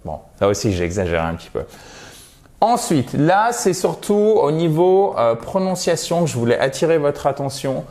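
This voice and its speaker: A man's voice: a little high, big pitch swings, moderate pace, darkish tone. A man teaching English to French speakers in a video lesson, explaining patiently and playfully exaggerating example pronunciations.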